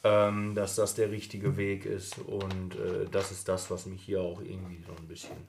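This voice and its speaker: A podcast co-host chats and then reads a Christmas story aloud while slightly tipsy, laughing and making small slips now and then. He has a deep, monotone voice with vocal fry and a slightly mellow quality, speaking at a moderate pace over a little hiss or hum.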